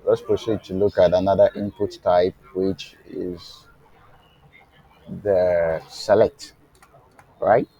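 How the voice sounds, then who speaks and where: A deep, dark, steady-toned voice belongs to a man running a live online web development lesson. He's deliberate and slow, using fillers and restarts, and often asks a rhetorical "what?" for the class to complete while making sure they follow. Highs are cut off, and he sounds faint at moments over the remote connection.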